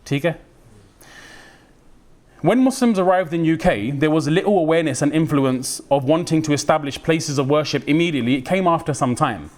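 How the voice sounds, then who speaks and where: British male preacher, lively and slangy, slightly high voice, acts out quoted voices. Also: fairly quick. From United Kingdom. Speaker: Islamic preacher. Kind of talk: religious talk.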